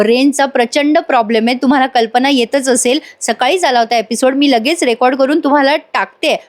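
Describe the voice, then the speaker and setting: A woman giving a chatty, casual voice-over review of a television serial and talking straight to her viewers. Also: high-pitched. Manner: chatty, addresses viewers directly.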